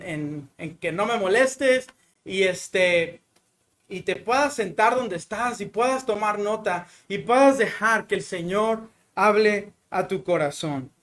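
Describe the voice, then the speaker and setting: A man with a Mexican accent giving a conversational sermon, chatty and full of little fillers, then slowing and softening as he prays. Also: high-pitched. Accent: Mexican Spanish. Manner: chatty, fills pauses with "¿no?" and "o sea"; slows down and softens when praying. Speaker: preacher. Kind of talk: conversational sermon with personal story.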